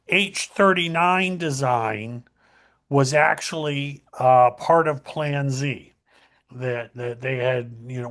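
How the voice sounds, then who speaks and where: A man's voice: mid-range voice, a bit bright. A man hosting a casual history talk, rambling with many fillers and self-corrections.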